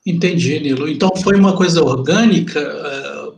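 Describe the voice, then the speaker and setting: A man's voice: fairly high pitch, moderate pace, gravelly, darkish tone, slight background noise. A man with a Brazilian Portuguese accent hosting a casual interview in an informal, slangy way. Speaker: interviewer, host. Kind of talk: casual chat. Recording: roomy, echoey sound.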